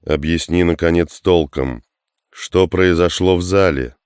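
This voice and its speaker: A man's voice: sits low, measured pace, darkish tone, clean tone, dry recording, studio quality. A man reading the part of an impatient, grumbling armed man in an audiobook.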